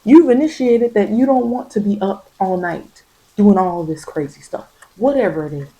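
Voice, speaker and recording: A woman tarot reader offers spiritual guidance in an informal, ASMR-leaning monologue, speaking straight to the listener. Her mid-range voice has a dark tone and moves at normal speed, with emphatic, repetitive phrasing in vernacular speech. The recording is rough.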